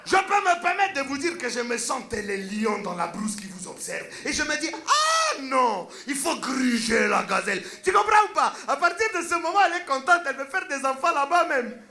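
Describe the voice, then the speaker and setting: A man voicing a smooth-talking African man with a West African French accent, giving flowery, boastful dating advice. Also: very high-pitched, very animated, moderate pace, few pauses, sharp tone, roomy sound, heavily acted. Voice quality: grandiose, flowery, emphatic.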